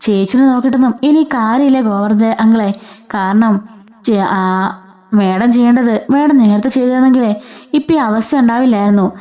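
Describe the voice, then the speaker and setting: A woman's voice: fairly high pitch, normal speed, warm tone, natural voice. A woman voicing a caring young woman who comforts others but speaks firmly. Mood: concerned.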